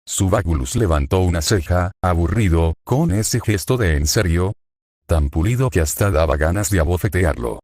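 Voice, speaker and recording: A man's voice: sits low, lively intonation, normal speed, hardly any pauses, darkish tone, no room sound, clean studio sound. A man narrating a fan fiction story in scripted, sardonic storytelling.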